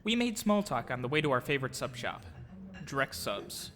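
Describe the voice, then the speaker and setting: This man's mid-range voice swings widely in pitch as he reads, at normal speed, a scripted account of his own experiences. He is a narrator and audio drama producer-actor, and his reflective storytelling resembles audio drama narration. Behind him are clear music and background noise, with a long reverb tail.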